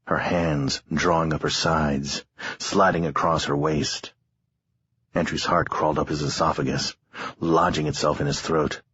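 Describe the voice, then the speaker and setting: Very deep, husky male narrator. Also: fairly bright tone. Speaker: audiobook narrator. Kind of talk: scripted narration. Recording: dull lo-fi audio.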